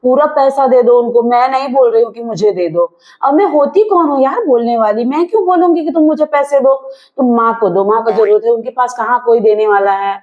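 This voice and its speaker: A woman's voice: fairly high pitch, fairly quick. A woman playing a sulky, sarcastic wife in a scripted family comedy skit. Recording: dull lo-fi home video sound.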